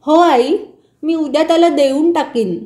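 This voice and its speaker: A woman voicing a frightened little schoolboy who pleads slowly in a high voice. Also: mellow. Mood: tearful. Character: little schoolboy, scared and tearful, owning up. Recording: roomy echo.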